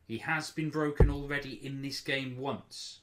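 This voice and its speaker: A male darts commentator calls the action live at a medium pitch, with a flat delivery and slightly slow pace, analyzing each throw and decision. Loud background noise and clicks fill the recording.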